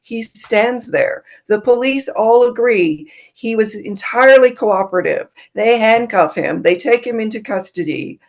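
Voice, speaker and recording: A woman's voice: fairly high pitch, expressive, unhurried, few pauses. A middle-aged woman from Canada, a guest author and former journalist, talking earnestly in a casual podcast conversation with many ums.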